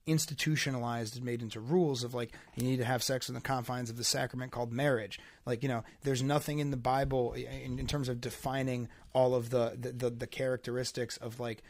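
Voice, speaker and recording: A man's voice: medium pitch, level tone, brisk, few pauses, no echo. A man in casual chat who rambles, restarting his sentences and stacking up fillers.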